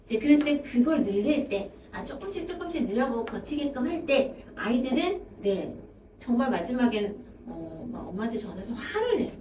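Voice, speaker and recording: In a parent information session, the woman running the academy illustrates her points by voicing students' excuses herself. She has a fairly high, dark-toned, very animated voice at a moderate pace, captured from afar in an echoey room with light hiss.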